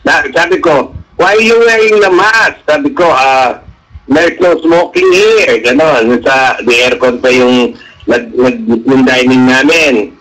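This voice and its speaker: Taking it slowly in a medium-pitched voice, a middle-aged man visits a radio show for a casual chat. He tells his anecdotes with animation, voicing the quoted dialogue himself, and the recording is low quality.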